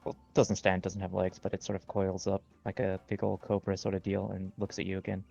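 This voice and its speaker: Man, game master, deep voice, gravelly, rambling narration. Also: monotone, a little fast, a little mellow, lo-fi sound, soft background music. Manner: loose, rambling description with fillers.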